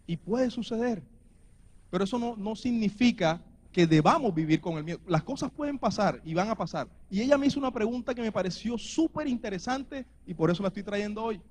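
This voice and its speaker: Colombian male preacher, high voice, earnest sermon, rises to emphatic urging. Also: lively intonation, brisk, darkish tone, a little hiss or hum. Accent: Colombian Spanish. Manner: earnest, building to emphatic exhortation.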